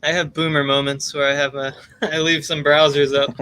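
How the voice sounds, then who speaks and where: Brief: male stream host, bright, higher voice, dry close sound, rambling. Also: moderate pace, no echo. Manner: rambling, chatty, many fillers. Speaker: livestream host. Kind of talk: casual livestream chat.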